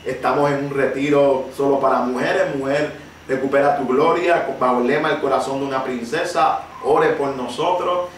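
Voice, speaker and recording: A man preaching a sermon with personal testimony, impassioned and emphatic, rising to shouted peaks. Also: medium pitch, fairly even intonation, normal speed, slight background noise. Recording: very echoey room, voice far from the mic.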